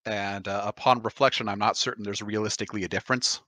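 A man's voice: fairly low pitch, fairly even intonation, fast, bright, forceful tone, no echo. A man giving wry, slightly formal commentary in a casual gaming chat.

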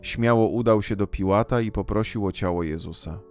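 A man reading a Gospel passage aloud in a solemn, measured liturgical style. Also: lowish voice. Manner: measured, unhurried, reverent delivery. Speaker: scripture reader. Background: soft guitar music.

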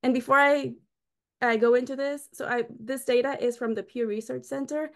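A middle-aged Costa Rican woman gives a friendly, explanatory online lecture with slides from a small room, heard through a webcam on a video call. Her voice is high, with fairly even intonation and a moderate pace.

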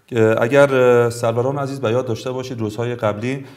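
Afghan Dari-accented man of middle age, courteous tajweed teacher, medium pitch, stretches each example word out slowly. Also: steady tone, darkish tone. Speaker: Quran recitation teacher. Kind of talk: tajweed lesson with slow recited examples.

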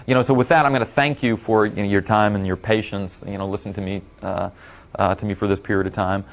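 A middle-aged man telling a casual story at a talk, rambling with many fillers and getting animated when he quotes others. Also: on the low side, fast. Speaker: speaker at a talk.

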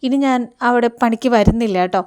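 A woman's voice: fairly high pitch, quick pace, a little mellow, clean tone, lightly acted. Woman reading a humble, dignified young woman. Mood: earnest.

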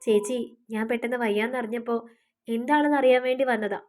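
A woman's voice: a little high, steady tone, fairly quick, a little mellow, lightly acted. A woman voicing a tearful young girl who anxiously asks about an injured man, in a pleading tone, for a storybook reading. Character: teenage girl, tearful and devoted.

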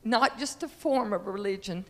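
Speaking through a handheld microphone in a reverberant church hall, a congregant in her fifties offers a halting, heartfelt testimony before she sings. Her voice is slightly raspy, medium-pitched and fairly bright, with emphasis falling on key phrases.

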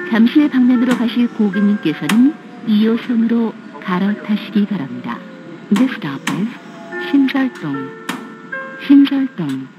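A woman reading a polite, clearly enunciated, recorded train station announcement. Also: on the high side. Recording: muffled audio with music behind.

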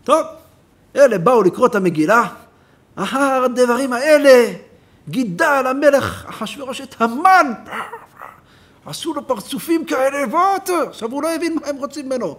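A rabbi with a very high, bright voice gives a Torah lesson in a synagogue. He tells stories with lively energy and acts out the people in them. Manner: animated storyteller, acts out characters. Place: synagogue hall.

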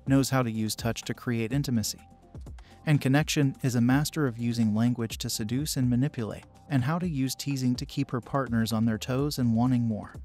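A man narrating a scripted video in a voice of middle pitch, smooth and even, with no slips or filler words. Soft music plays faintly underneath his voice throughout. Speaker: channel narrator.

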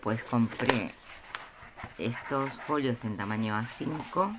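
Woman, slow, hesitant, casual show-and-tell, noisy tabletop recording. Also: very deep voice. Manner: slow, hesitant, with many pauses and fillers. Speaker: craft vlogger showing a haul. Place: indoors at a table. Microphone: camera over a tabletop, speaker off-screen. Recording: noisy room with crinkling packaging.

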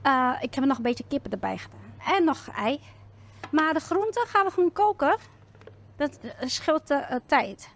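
A woman's voice: high voice, expressive, normal speed, slight background noise. A woman hosting a cooking video, chatting casually as she explains each step at the stove. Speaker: cooking channel host.

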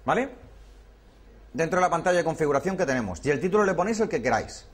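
Slightly high-voiced instructor. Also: male voice, lively intonation, fast. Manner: explanatory, checks in with "¿vale?". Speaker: workshop instructor. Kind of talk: hands-on classroom teaching.

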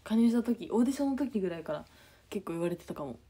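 A young woman chatting casually on a livestream just after waking, with a slightly low, husky voice that often drops to a near-whisper. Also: animated, rapid-fire, warm tone. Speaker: idol livestreamer reading comments.

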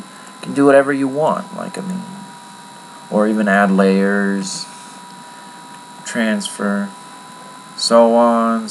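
A man giving a casual, rambling screen-recorded software tutorial from his computer at home, with many fillers. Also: fairly low pitch, a little hiss or hum, low-quality recording. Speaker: tutorial maker.

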